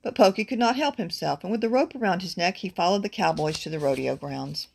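A woman reading a children's book aloud, expressively, pausing to point out the pictures. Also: lowish voice, expressive, creaky, darkish tone, slight background noise. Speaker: storybook reader.

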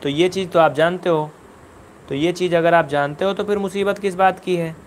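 A man's voice: sits high, steady tone, moderate pace, slight background noise. A man teaching a live online maths class, repeating questions and scolding his students. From India.

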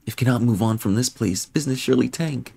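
A man's voice: mid-range voice, fast talker, vocal fry, dark tone, voice pushed up, natural voice. A man voicing a chirpy small creature merchant who speaks in clipped, broken grammar. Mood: eager. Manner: reading game lines aloud in clipped broken speech.

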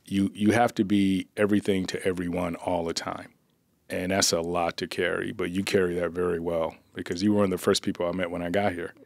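A man's voice: low voice, flat delivery, fairly quick, vocal fry, no echo. A man hosting an interview in a small studio, affirming and encouraging his guest. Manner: affirming, encouraging, frequent mm-hmms. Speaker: interviewer, district chief. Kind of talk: casual interview. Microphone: podcast mic on boom arm.

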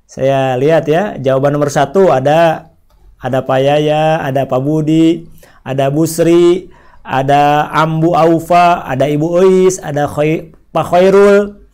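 A man teaching an online Quran reading lesson, asking questions, repeating points and slowly drawing out example words. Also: on the high side, fairly even intonation, darkish tone, clean tone. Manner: asks questions and answers them himself, repeats points; stretches words out slowly when demonstrating readings.

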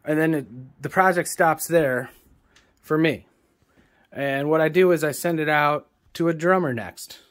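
Holding his phone at arm's length in a small room, a songwriter and producer in his forties explains how he works in a laid-back vlog. He's plain-spoken and meandering, often correcting himself, with a fairly high, slightly bright voice and an unhurried pace.

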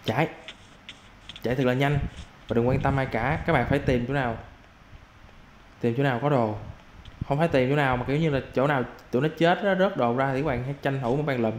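A young man giving casual gameplay commentary as a YouTuber, excitable and quick to yelp and repeat his exclamations. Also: medium pitch. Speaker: gaming YouTuber. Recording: roomy with faint background noise.

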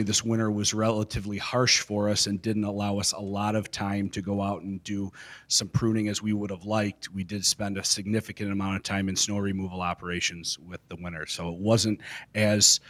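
A middle-aged man giving a measured, formal report to a city council into a handheld mic in a council chamber. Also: on the low side. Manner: measured, steady bureaucratic delivery. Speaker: city public works staff reporting to council. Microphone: handheld microphone.

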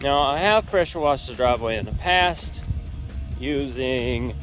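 A man's voice: medium pitch, expressive, unhurried, a bit bright, faint music behind, poor audio. A man in a casual product review vlog, talking in a laid-back, rambling way on his driveway while wearing a camera. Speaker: home improvement vlogger. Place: outdoors on a driveway. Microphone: body-worn camera.

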